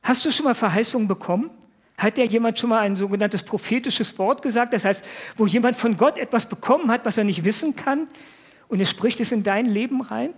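A man with a high voice giving a relaxed, chatty sermon. He speaks in everyday, colloquial words and keeps turning to his listeners with rhetorical questions, retelling a Bible story in plain language. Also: brisk, breathy edge. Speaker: preacher. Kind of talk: conversational sermon.

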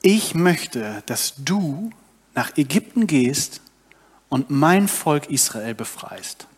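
A man's voice: on the high side, big pitch swings, slow pace, breathy edge, heavily acted. A man voicing God as a patient, insistent divine speaker. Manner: insistent, reassuring.

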